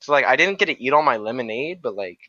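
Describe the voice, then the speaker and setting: A man's voice: medium pitch, expressive, quick pace, pushed and bright. A young American man with a slangy frat-bro way of talking, telling stories casually among friends on a podcast. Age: young adult. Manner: frat-bro slangy talk, peppered with dude and like. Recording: echoey room, slightly muffled.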